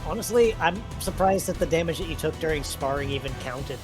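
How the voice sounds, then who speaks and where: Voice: mid-range voice, animated, fairly quick, over music. A player trading playful, theatrical quips during a tabletop game. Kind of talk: casual tabletop play.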